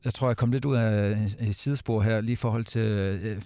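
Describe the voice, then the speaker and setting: A man with a lowish voice talks in a relaxed panel setting, often stopping to hunt for words. The sound is dry and close. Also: clean tone, no room sound. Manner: hesitant, many fillers and restarts. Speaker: guest speaker. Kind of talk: casual panel talk.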